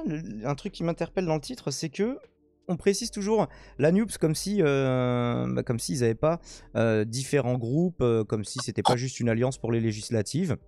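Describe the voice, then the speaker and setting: A man's voice: mid-range voice, warm tone, dry recording. A young man hosting a live stream, reading news aloud and commenting in a hesitant way with many fillers. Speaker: streamer host.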